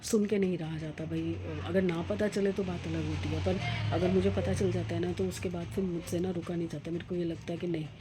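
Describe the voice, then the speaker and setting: A middle-aged woman chatting casually in a home vlog, talking slowly and with effort because of a painful tooth. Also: on the low side, fairly even intonation, noisy background. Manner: chatty, rambling about household matters. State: speaking slowly from tooth pain. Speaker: vlogger. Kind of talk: casual daily vlog chat.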